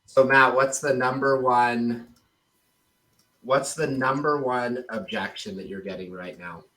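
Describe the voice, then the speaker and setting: A man hosting a relaxed conversation, he sounds easygoing and quick to laugh. His voice sits in a middle range. He is heard from a bit away from the microphone. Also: medium pitch. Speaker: host. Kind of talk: casual chat. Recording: distant from the mic.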